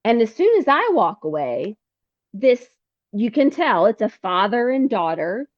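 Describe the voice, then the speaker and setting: A woman guest telling her story in a casual, animated way, acting out conversations with laughter. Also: a little high, measured pace, dry recording, dull audio. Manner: animated, acts out dialogue with laughs. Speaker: podcast guest, pilgrim.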